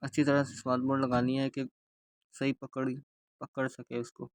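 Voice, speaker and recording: A man with a Pakistani Urdu accent leads a hands-on tutorial on repairing speakers, steadily explaining each step as he works with his hands. His voice sits in the mid-range, and his explanations are repetitive.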